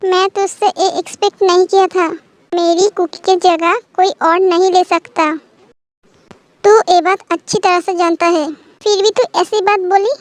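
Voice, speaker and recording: A woman's voice: extremely high pitch, steady tone, moderate pace, no room sound. A woman voicing an emotional young wife who reproaches a friend in a fan-made audio story. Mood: hurt, indignant. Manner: indignant, reproachful.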